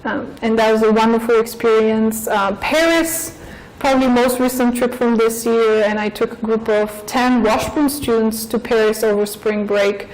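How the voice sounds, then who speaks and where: A Bulgarian woman in her forties, a professor, gives thoughtful interview answers in a Bulgarian accent, pausing often and using fillers. Her voice sits on the high side, steady and a little mellow. The audio quality is poor.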